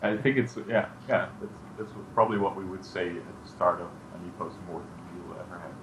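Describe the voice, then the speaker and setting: A man, a game developer being interviewed, who speaks hesitantly with many pauses. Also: deep voice, steady tone, background noise. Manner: hesitant, many uh fillers, cautious. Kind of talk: casual interview chat.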